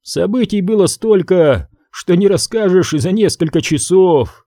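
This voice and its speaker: A male reader puts on a chatty young medic in a hardboiled audiobook, his voice lifted high and bouncing with eagerness. He talks fast and friendly, in a dry, close studio sound. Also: lively intonation, no echo, exaggerated voice. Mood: cheerful. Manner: bright, eager, talkative.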